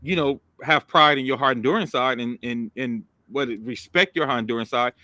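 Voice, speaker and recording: A man's voice: mid-range voice, normal speed, pushed and bright, no echo. A man hosting a casual talk show, pressing his co-host with persistent, probing questions. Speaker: podcast host. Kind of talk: casual debate chat.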